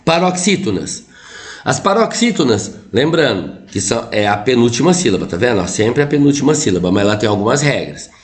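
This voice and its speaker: A Brazilian man teaches a grammar lesson online, in a voice that jumps up and drops down all the time. He keeps pointing at the board and checking that his students are following. His tone is chatty and energetic. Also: mid-range voice, brisk. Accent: Brazilian Portuguese. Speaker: Portuguese teacher.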